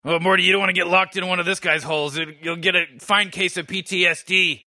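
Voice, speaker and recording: A man puts on the voice of a cynical old mad scientist, pitched high and delivered fast in a steady, pushed, bright tone. He's sardonic and sarcastic, rambling and stammering through restarts as he barks insults in comedic commentary mocking game characters.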